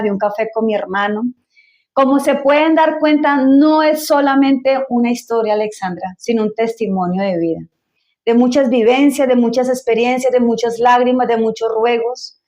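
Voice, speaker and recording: A woman's voice: fairly high pitch, a little mellow. Exhorting woman church-show host. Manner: exhorting, uplifting, with short affirming interjections. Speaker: host of a church interview program. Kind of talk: preaching interview host.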